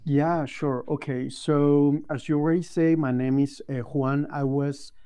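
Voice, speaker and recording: A man's voice: on the high side, steady tone, a little slow, dark tone, smooth. A man, a guest speaking over a video call, thoughtful and full of hesitant ums. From Colombia. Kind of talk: casual interview chat.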